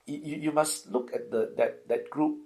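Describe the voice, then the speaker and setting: A man's voice: fairly high pitch, fairly even intonation, unhurried, a little mellow. A middle-aged Singaporean man, a university lecturer, answering interview questions thoughtfully, with frequent restarts and a habit of asking "right?". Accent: Singaporean English.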